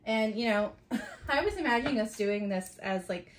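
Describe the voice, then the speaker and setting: A woman's voice: on the high side, animated, moderate pace. A young woman chatting casually while doing her friend's makeup, laughing often with plenty of ums. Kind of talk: casual chat.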